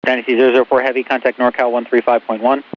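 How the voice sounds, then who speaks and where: A man's voice: mid-range voice, flat delivery, rapid-fire. A man working as an airport tower controller, giving air traffic instructions over the radio. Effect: radio transmission. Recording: muffled radio with faint hiss.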